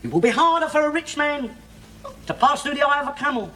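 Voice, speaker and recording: An actor playing a loudmouthed, bigoted, middle-aged working-class man, ranting and swearing in a Cockney accent. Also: very high-pitched, animated, quick pace, full character voice. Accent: London Cockney. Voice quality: loud, ranting, swears constantly, tag questions. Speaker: sitcom lead character. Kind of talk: 1960s TV sitcom acting. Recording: noisy old TV soundtrack.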